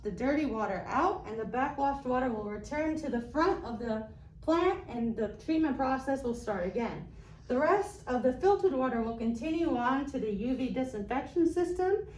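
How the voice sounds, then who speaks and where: A woman's voice: high voice, darkish tone, echoey room, far from the mic, slight background noise, low-quality recording. A woman guiding viewers through a wastewater treatment plant, explaining each step plainly with everyday comparisons. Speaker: wastewater plant staff tour guide. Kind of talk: educational vlog walkthrough.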